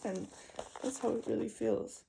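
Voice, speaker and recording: Distressed young woman venting, gravelly and dark. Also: a little high, fairly even intonation, a little hiss or hum. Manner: upset, halting, repeating herself. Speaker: vlogger. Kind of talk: emotional personal vent.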